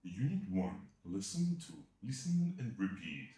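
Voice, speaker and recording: A man reading short lines in a slow announcer-like delivery. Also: lowish voice, very animated, warm tone, echoey room. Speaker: friend helping with a mic test.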